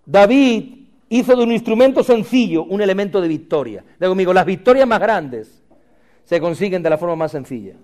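A male pastor preaches with a high voice and lots of drama, calling the congregation to repeat his lines. He breaks up the message with humorous asides. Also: expressive, fairly quick, a little mellow. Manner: dramatic, calls for congregation responses. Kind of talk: sermon.

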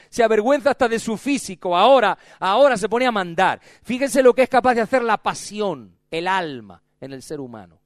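A man's voice: high voice, no room sound, studio quality. A man preaching a sermon with emphatic, repetitive, dramatic delivery.

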